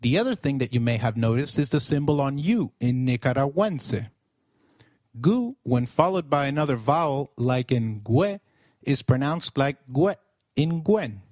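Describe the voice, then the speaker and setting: A man narrating a scripted beginner language lesson in an upbeat teaching manner, slowing down to model words. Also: medium pitch, lively intonation, darkish tone, no room sound, studio quality.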